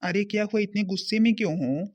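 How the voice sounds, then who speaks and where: A man's voice: high voice, quick pace, darkish tone. Guy doing a greedy scheming husband in a cartoon, nagging his wife, kinda muffled lo-fi audio. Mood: coaxing. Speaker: scheming son-in-law. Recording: dull lo-fi sound.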